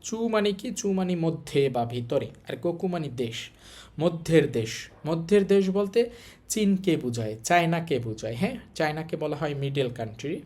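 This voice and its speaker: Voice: mid-range voice, lively intonation, a little fast, mellow. A kanji teacher with a Bangladeshi Bengali accent, explaining a lesson patiently, repeating points and asking rhetorical questions.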